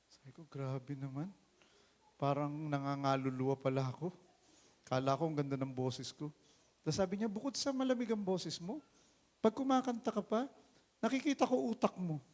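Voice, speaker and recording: A man with a Filipino accent, a pastor preaching an animated sermon that swings between loud calls and low asides. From Philippines.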